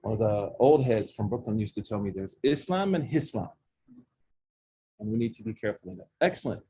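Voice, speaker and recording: Speaking a little fast in a warm, fairly low voice with lively intonation, a forties-aged imam from Oklahoma, USA, with an Oklahoma accent, talks with a student group. The setting is a campus center room, and his informal session is chatty and jokey, full of questions for the audience.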